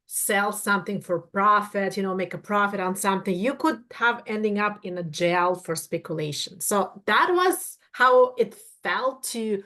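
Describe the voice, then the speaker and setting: A woman in her fifties, Russian by birth, talks English with a clear Russian accent. She is a chatty livestream guest who restarts her sentences often and fills them with "um" and "like." Her pitch sits in the middle of the range. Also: a bit bright. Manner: chatty, many fillers and restarts. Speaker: guest accountant. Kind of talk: livestream interview.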